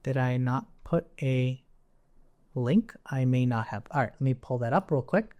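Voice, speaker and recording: This coding instructor has a warm, mid-range voice and talks at normal speed, though the recording sounds muffled. He demonstrates on screen during an informal tutorial, thinking aloud and regularly checking in with the listener.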